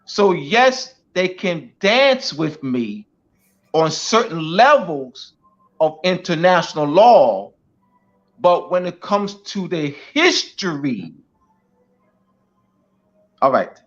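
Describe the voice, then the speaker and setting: Speaking slowly with frequent pauses, this guest on an online show delivers a teaching talk in a fairly high voice with big swings in pitch. He repeats himself emphatically and leans on "you know" often, all captured in dull lo-fi audio.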